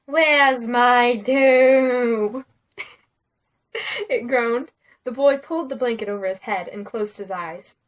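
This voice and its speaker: A woman reading a spooky story aloud and chatting casually, giggling often and dropping to a hush for the suspenseful parts. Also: a little high, measured pace, long pauses, recorded from a distance. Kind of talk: casual storytelling and vlog chat.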